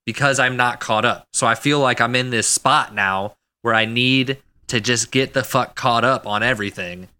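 A man's voice: mid-range voice, normal speed, hardly any pauses, bright, forceful tone, smooth. A man co-hosting a casual podcast, joking bluntly and swearing casually. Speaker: podcast co-host.

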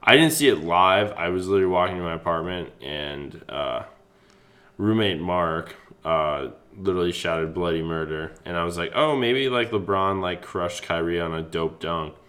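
Man, young adult, very low voice, animated rambling basketball chat, swears a lot. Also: moderate pace. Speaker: podcast co-host. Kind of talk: casual sports chat.

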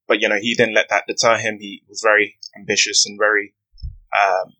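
A young man in his 20s from West London, UK, appears as a podcast guest and aspiring barrister, telling his story in an earnest, measured way with frequent "you know". His lowish, bright voice is flat in delivery, and the recording is rough.

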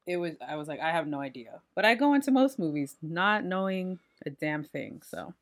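Female podcast co-host, a little lower in pitch, casual conversational delivery. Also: animated, moderate pace. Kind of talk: casual chat.

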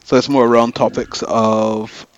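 A man's voice: mid-range voice, flat delivery, a little slow, clear, resonant tone, no echo, muffled recording. A man chatting casually as a podcast regular, in a hesitant and understated way. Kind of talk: casual chat.

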